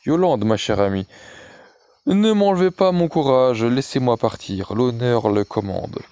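A man's voice: mid-range voice, animated, measured pace, dark tone, smooth, highs cut off, natural voice. A man voicing a proud, ruined young viscount who speaks formally and earnestly in an audiobook reading.

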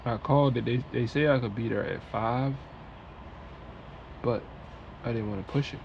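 Gravelly laid-back trucker man. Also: mid-range voice, moderate pace, muffled recording. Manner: laid-back, slangy, chatty. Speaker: truck driver. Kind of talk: casual vlog talk to camera. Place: inside a truck cab at a warehouse. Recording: noisy truck cab ambience.

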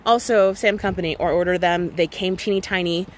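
This gardening vlogger speaks in a lowish, fairly even voice at a brisk clip, with a little hiss or hum audible. She's outdoors on her home deck, giving an informal, unscripted garden tour and explaining whatever she points to.

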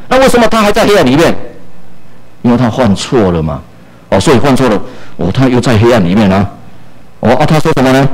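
A man preaching a sermon, animated and full of small fillers. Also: fairly high pitch, low-quality recording.

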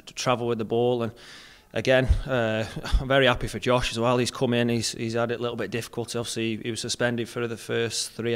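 A man's voice: medium pitch, smooth. A young man, a football club captain, giving a post-match interview into a handheld mic in front of a sponsor board, repeating words as he thinks. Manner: plain, measured, repeats words while thinking. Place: indoors in front of a sponsor backdrop. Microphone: handheld mic held close.

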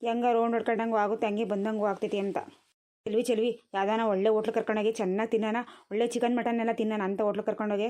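Woman doing a fussy village mother-in-law for a cartoon, twang, kinda high, quick talker. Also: level tone, dark tone, natural voice. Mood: tired. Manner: complaining, sighing, talks to viewers. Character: grumbling middle-aged village mother-in-law. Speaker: cartoon voice actor. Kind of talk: comic cartoon dialogue.

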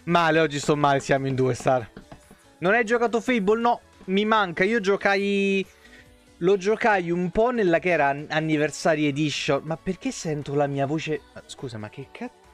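Young Italian man, game streamer on a headset, sore throat, slightly high voice, loose and chatty with viewers, faint background music. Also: normal speed. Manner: chatty, greets viewers by name, swears freely. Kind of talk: casual live-stream chat.

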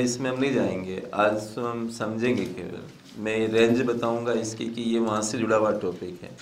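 A male teacher lectures in a relaxed, conversational way and repeats key points for emphasis. His voice carries around a reverberant room. A faint hum sits underneath. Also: medium pitch. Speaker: exam-prep teacher. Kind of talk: casual Hindi lecture on exam preparation.

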